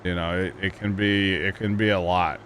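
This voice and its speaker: His voice is deep and level, moderately paced and a bit bright, with slight background noise, as a mid-thirties Missouri man livestreams a farming game. He keeps up casual chat, teasing friends, cracking jokes, and filling gaps with lots of fillers.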